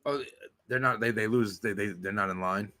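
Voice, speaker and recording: A man's voice: fairly low pitch, normal speed, bright, forceful tone. A man with a slangy, profane frat-bro manner, ribbing his friends in casual sports banter. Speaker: podcast co-host.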